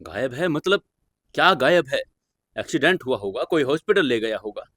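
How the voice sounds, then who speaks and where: A man voicing a frantic, grieving middle-aged mother who talks in a hushed, tearful, pleading way. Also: mid-range voice, animated, moderate pace, no echo, clean studio sound. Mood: panicked.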